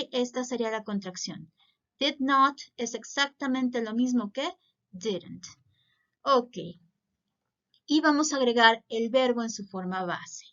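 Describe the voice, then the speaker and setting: A woman teaching English grammar in Spanish, giving clear step-by-step explanations and pronouncing English example words. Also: a little high, a bit bright, muffled recording.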